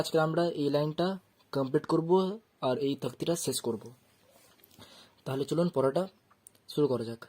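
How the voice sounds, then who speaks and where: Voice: medium pitch, darkish tone. A Quran reading teacher gives an online lesson in a patient, step-by-step way. When reciting, the teacher holds each letter sound long and drawn out. The teacher then returns to plain explanation.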